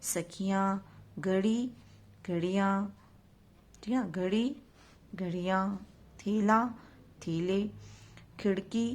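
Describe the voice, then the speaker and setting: A woman's voice: mid-range voice, extremely slow, pauses often. A woman teacher speaks in a patient, repetitive way to young pupils. She asks a question, waits a moment and answers it herself. English words are dropped into her throughout. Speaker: school teacher. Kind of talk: recorded online grammar lesson for young children.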